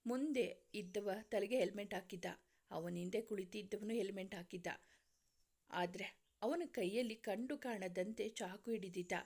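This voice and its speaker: Woman storyteller, romance serial narration, calm, mid-pitched. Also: unhurried.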